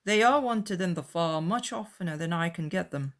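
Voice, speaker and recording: A woman acting out a sardonic middle-aged country gentleman and father in a dramatized novel, measured, deliberate and wry. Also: fairly low pitch, lively intonation.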